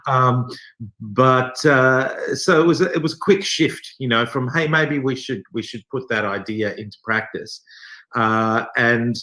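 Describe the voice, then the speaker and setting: An Australian man from a theatre company, appearing as an interview guest, explains things conversationally with hesitant asides. His medium-pitched voice is bright and forceful at a measured pace, and the room sounds echoey.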